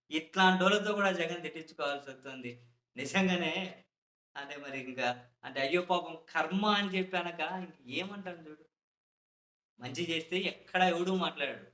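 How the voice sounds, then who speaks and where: A man's voice: on the high side, fairly quick, sharp tone, reverberant. A man giving impassioned political commentary, indignant and full of repeated rhetorical questions.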